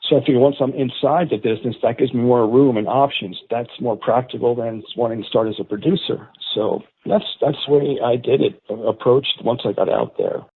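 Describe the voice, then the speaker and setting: Husky-voiced man on a tinny phone line. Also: medium pitch, fairly quick, few pauses. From Atlantic City, US. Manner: animated, rambling storyteller who acts out quotes. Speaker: guest. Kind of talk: storytelling in a podcast interview.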